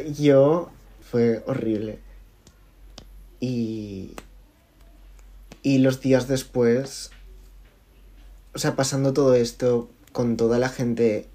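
A young man being interviewed in casual conversation, talking haltingly with many fillers and restarts. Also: mid-range voice, mellow. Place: lives in Barcelona.

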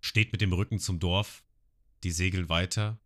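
Podcast guy retelling an anime ep, low-ish but bright punchy voice. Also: steady tone, moderate pace. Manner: retells scenes and acts out the lines. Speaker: podcast co-host. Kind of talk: casual episode recap.

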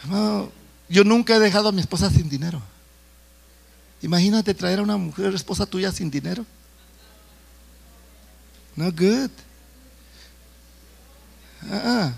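A man's voice: high voice, measured pace, gravelly, long pauses, breathy edge. A middle-aged man preaching a sermon, talking to the congregation in a conversational way with stories and jokes.

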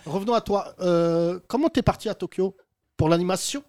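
A man's voice: high-pitched, darkish tone. A man hosting a podcast, teasing his guests in casual banter. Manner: teasing, joking, quick to mock. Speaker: host.

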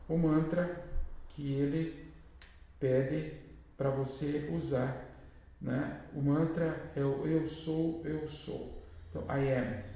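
A man's voice: medium pitch, warm tone. Echoey, distant Brazilian man teaching spirituality. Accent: Brazilian Portuguese. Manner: chatty, frequent tag questions. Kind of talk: casual spiritual talk. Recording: very echoey room, voice from far off.

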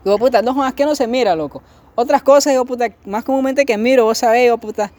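Young man, Nicaraguan accent, very high voice, rapid, crude swearing chat. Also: darkish tone. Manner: swears constantly, storytelling rants.

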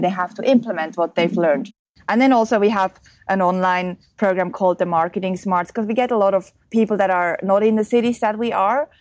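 In a lowish, slightly mellow voice, a podcast guest in her thirties who is originally from Switzerland talks through the marketing company she co-founded. She's upbeat, explanatory and laughs easily, and the audio carries no room sound.

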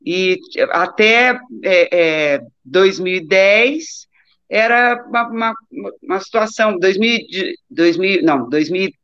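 Mulher brasileira de meia-idade, som com eco. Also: female voice, medium pitch, animated, slow pace, a bit bright. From Brazil, born in Rio, raised in Taubaté. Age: middle-aged. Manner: informal, digressive, repeats words for emphasis. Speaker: interview guest, doctor and amateur athlete. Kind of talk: casual autobiographical chat. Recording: echoey room, dull lo-fi live-stream audio.

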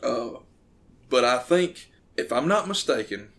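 A man, talking casually on a podcast. His voice is a little low for a man. He rambles and hesitates, feeling his way toward each point. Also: animated, a little slow, fairly bright tone. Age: 30s. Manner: hesitant, rambling, searching for words.

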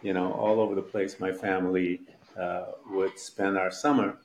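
Very deep, gravelly motivational host. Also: male voice, flat delivery, normal speed, a little hiss or hum. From Guyana. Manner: encouraging, motivational. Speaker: podcast host. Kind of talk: podcast interview.

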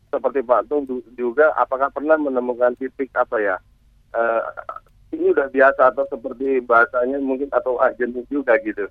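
A male caller heard over a tinny phone line that keeps breaking up, his voice thin and narrow. He speaks at an even, middling pitch and halts often, searching for words. The sound is dry, with no room around it. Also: dry recording. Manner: hesitant, halting, many fillers. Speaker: radio call-in listener. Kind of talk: phone-in question to a radio guest. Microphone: telephone.

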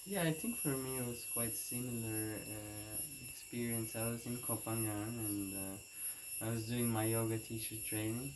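A man from the Azores in Portugal, answering interview questions outdoors in a forest, measured and hesitant. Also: lowish voice. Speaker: interview guest, dancer. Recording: noisy outdoor recording.

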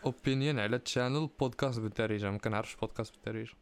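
Fast-talking young Moroccan-accented man, emphatic and clear. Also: mid-range voice, no room sound. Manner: mixes Arabic with French and English phrases; emphatic, motivational advice-giving. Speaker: podcast host. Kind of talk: casual chat, answering listener questions.

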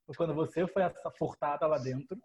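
A man, co-hosting a podcast and telling stories in a casual, animated way. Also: fairly high pitch, brisk. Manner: animated storyteller, mimics people he quotes. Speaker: podcast co-host. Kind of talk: casual storytelling chat. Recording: dull, slightly lo-fi sound.

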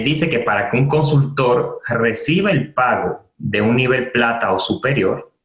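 A man walks listeners through a training webinar, pausing on fillers and repeating the key terms. His voice sits in a roomy space. The audio is somewhat dull and lo-fi. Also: mid-range voice.

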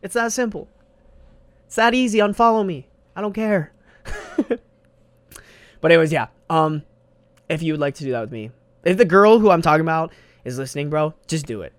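Rambling through his own podcast alone, a young man swears freely, leans on slang, and says "bro" a lot. His fairly high voice is expressive, moving at a normal pace with long pauses. A studio mic on his desk picks him up with no room sound.

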